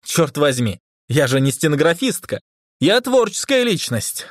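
A man reading an audiobook, voicing a cold, contemptuous male drama critic in a slow, lowered, disdainful voice. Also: big pitch swings, no room sound, studio quality. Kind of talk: audiobook character voice.

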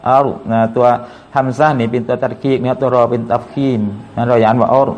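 Man teaching recitation, flat delivery. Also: medium pitch. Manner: patient, repeats sounds slowly to demonstrate. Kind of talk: tajweed lesson with slow chanted recitation.

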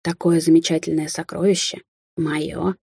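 A greedy, covetous young man murmurs slowly and quietly, as a woman reads him in an audiobook. The voice is dark and husky, barely shifted from the reader's own. The sound is dry and close. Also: sits low, little pitch movement, no echo, full character voice.

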